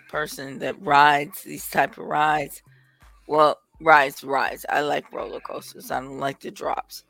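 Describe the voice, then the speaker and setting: A podcast co-host talks casually in a bright, forward voice with noticeable creak. The phrasing is slow and halting, recorded very dry. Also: mid-range voice, no echo, poor audio.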